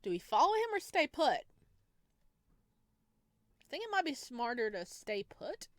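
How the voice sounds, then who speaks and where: A high, very animated female voice, kept at a measured pace and recorded dry, reads aloud from a horror visual novel. The narration is in second person, and she breaks off now and then to address her viewers.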